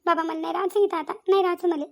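Brief: woman voicing a pleading cartoon daughter, very high and quick. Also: steady tone, a little mellow. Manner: pleading, urgent. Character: upset young married daughter, pleading. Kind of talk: cartoon voice acting.

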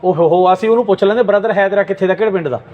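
A man's voice: high-pitched, rapid-fire, phone-quality sound, slight background noise. A man volunteering at a gurdwara, coaxing and reassuring a distressed young woman and repeating himself on a phone video. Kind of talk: consoling questioning on camera. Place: Sikh gurdwara.

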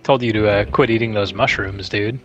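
A man's voice: lowish voice, brisk, muffled recording, faint music behind. A man chatting casually with a fellow streamer over a video game. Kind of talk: casual chat over gameplay.

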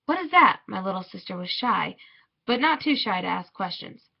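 A woman reading a children's picture book aloud in a measured, expressive way. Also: mid-range voice, gravelly, husky. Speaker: storybook reader. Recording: dull lo-fi recording.

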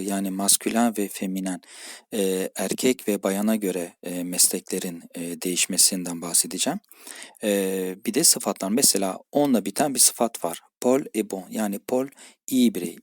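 Husky low-voiced teacher explaining patiently. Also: male voice, no room sound, studio quality. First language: Turkish. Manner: reads French examples louder and higher, explains slowly in a patient, repetitive way. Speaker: French teacher. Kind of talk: casual spoken lesson explaining grammar.

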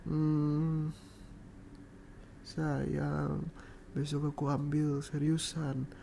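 A man's voice: on the high side, steady tone, a little slow, gravelly, mellow, a little hiss or hum. A young man in an ASMR boyfriend role-play, pleading and apologizing in a coaxing way and slipping English phrases into his speech.

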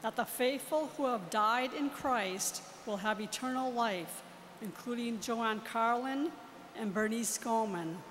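A woman, a lector, reading the prayers of the faithful slowly and carefully in a large church. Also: a little high. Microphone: far camera. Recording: long church reverb, faint noise, far camera.

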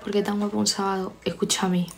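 A woman's voice: mid-range voice, flat delivery, a little fast, vocal fry, over music. A young woman from Spain chatting on a live stream from home, teasing viewers and reading their comments aloud. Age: young adult. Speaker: livestreamer. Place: home, studying.

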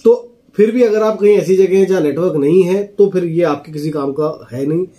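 High-pitched and warm, this man's voice moves fairly quickly as he gives a casual product demonstration with explanations. He's an Indian product reviewer and walkie-talkie seller in his thirties, recording in a small indoor office and dropping in English phrases.

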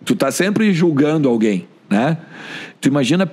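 A man's voice: a little high, normal speed, slightly rough. A man with a Gaúcho Brazilian accent, a sports journalist telling stories casually on a podcast and acting out the voices of the people he quotes. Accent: Gaúcho Brazilian Portuguese. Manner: animated, acts out quoted voices.

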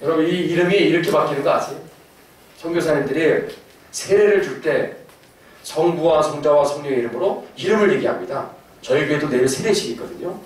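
A middle-aged man giving a lively lecture to an audience, with laughing asides and questions to his listeners. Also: on the high side. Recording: echoey hall, from far off, faint noise.

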